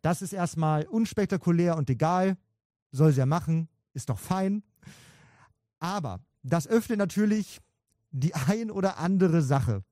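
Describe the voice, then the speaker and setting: A German man with a mellow, slightly high voice shares insider gossip casually, pausing often with fillers and hesitations. The recording is dry and close to the mic. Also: animated, no echo. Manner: hesitant, filler-heavy, chuckling. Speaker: co-host sharing insider info.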